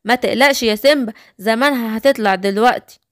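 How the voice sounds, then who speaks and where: A woman's voice: a little high, quick pace, a bit bright, no echo, studio quality, lightly acted. A woman voicing an urgent, brave superhero. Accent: Egyptian. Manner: urgent, decisive. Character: brave male speedy superhero.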